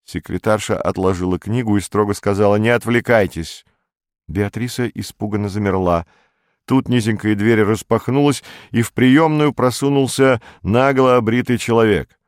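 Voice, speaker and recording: A man reads an audiobook aloud in a measured, even storytelling manner. His voice sits low, and the recording is dry and close. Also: no room sound. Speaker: audiobook narrator. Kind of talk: scripted narration.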